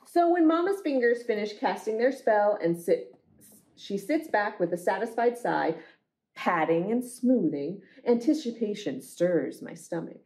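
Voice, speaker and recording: This is a children's storytime where a woman reads picture books aloud in a mid-range voice, shaping her words deliberately and with plenty of expression.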